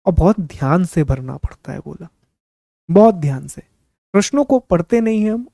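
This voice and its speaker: A man's voice: a little high, gravelly, mellow, dry recording, clean studio sound. A young man teaching an exam strategy class as a coaching teacher, giving direct advice and asking rhetorical questions.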